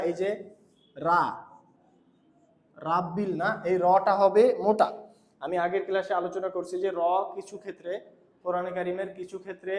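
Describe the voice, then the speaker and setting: Man, recitation teacher, high voice, slow careful repetition, echoey room. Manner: repeats phrases slowly, correcting pronunciation. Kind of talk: patient tutoring lesson.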